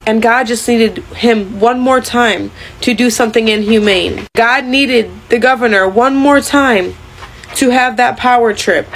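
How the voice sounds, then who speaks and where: Woman, solemn foreboding preaching tone, deliberate delivery, faint background noise. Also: fairly high pitch, poor audio. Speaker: religious commentator. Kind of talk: prophetic sermon-like warning.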